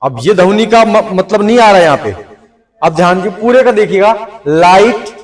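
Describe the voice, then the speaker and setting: A man's voice: high-pitched, animated, moderate pace, reverberant. A man teaching a tuition class, drilling students on pronunciation by repeating words over and over and scolding anyone who stops paying attention. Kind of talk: classroom lesson on English pronunciation.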